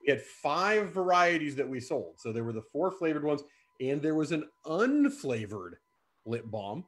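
A man's voice: a little high, big pitch swings, normal speed. A man hosting a camp live stream in a playful, chatty, joking way. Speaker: camp staff host. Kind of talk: casual live-stream chat.

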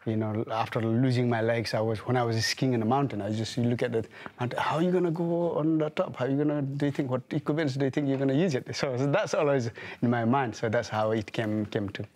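A man's voice: medium pitch, fast talker, few pauses, a little mellow. A man from Nepal with a Nepali accent, a guest in a TV news studio, speaking hesitantly with many fillers and restarts. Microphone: lapel mic.

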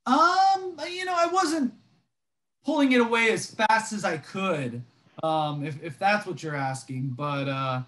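A man's voice: high-pitched, unhurried. A young man talks on a video call in a slightly raised voice. He rambles through his stories at an easy pace, sprinkling in ums and restarts. He sounds like a casual co-host. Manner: relaxed storytelling with frequent fillers. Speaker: podcast co-host. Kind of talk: casual chat.

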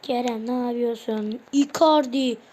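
A woman's voice: a little high, fairly even intonation, a little slow, a little mellow, slight background noise. A woman giving casual play-by-play commentary on her own football video game match, firing off player names in short bursts and grumbling when plays go wrong. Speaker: gaming channel host. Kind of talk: casual live gameplay commentary.

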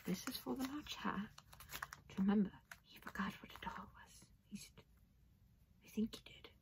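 A woman playing a whimsical, scatterbrained Mad Hatter in an ASMR roleplay, soft-spoken and often dropping into whispers. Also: mid-range voice, moderate pace, natural voice. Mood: hushed, whimsical. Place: indoors at a craft table.

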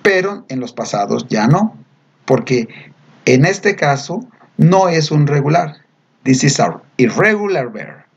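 Slow gravelly man drilling verb pronunciation. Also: a little high, sing-song. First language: Spanish. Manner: repeats each verb slowly, patient and explanatory. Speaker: English teacher. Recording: dull lo-fi recording.

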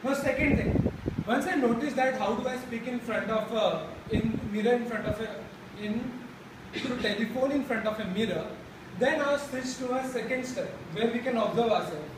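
In a classroom with a chalkboard, a young Indian man addresses a support group with a personal speech, restarting words as he stammers. His pitch is extremely high and his speed normal. The audio, captured by a distant camera, is echoey and carries background noise.

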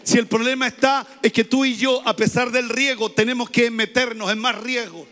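A man preaching as a pastor, emphatic, repeating his phrases and rising at times to shouted pleas. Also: extremely high pitch, steady tone, moderate pace, big-room sound. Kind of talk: sermon.

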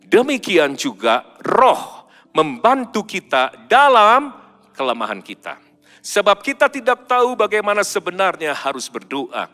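Animated preaching man in a church hall. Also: high voice, unhurried. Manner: animated preaching with sudden loud mimicked baby cries. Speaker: pastor. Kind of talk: sermon. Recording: hall reverb with faint music.

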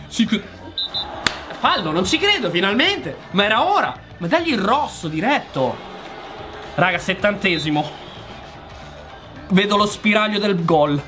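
A young man narrates his football video game match, high-pitched and animated. His tone is bright and sharp, bursting into shouted outbursts at the referee. Faint music plays underneath. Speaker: gaming youtuber. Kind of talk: excited live game commentary.

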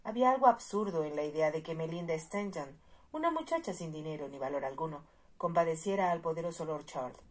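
A woman narrating a romance novel chapter as a soft-spoken audiobook reading, in a measured, even storytelling manner. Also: low voice.

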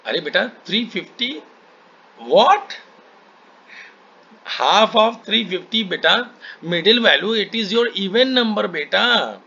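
Over a muffled, noisy online call, a Hindi-speaking man with an Indian accent walks a student through maths step by step in a one-to-one lesson, repeating himself and frequently checking understanding. His voice is high-pitched, animated and unhurried, creaky and slightly rough with a sharp tone, and he leaves long pauses.

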